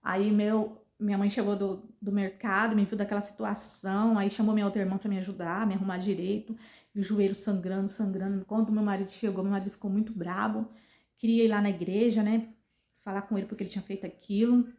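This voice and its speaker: In a casual vlog with noticeable room echo, a woman with a Brazilian accent earnestly retells a personal story, repeating herself often. She talks fast in a mid-range voice that is dark in tone and fairly level.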